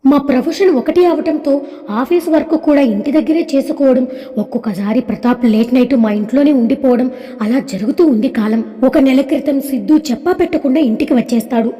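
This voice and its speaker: High-voiced woman narrating an echoing story. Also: dark tone. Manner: measured, emotional first-person storytelling. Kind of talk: scripted narration of an audio drama. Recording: long hall reverb.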